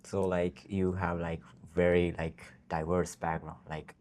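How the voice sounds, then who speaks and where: A man's voice: deep voice, flat delivery, measured pace, a little mellow. A young man interviewing a guest, hesitant and filling his questions with "like". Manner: hesitant, many fillers of "like". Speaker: student interviewer. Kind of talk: casual interview.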